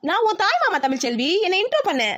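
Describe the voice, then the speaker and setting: A woman's voice: very high voice, wildly swooping pitch, very fast, a bit bright, dry recording, studio quality, exaggerated voice. A woman voicing a clingy, cheeky young male cousin from the village in a cartoon.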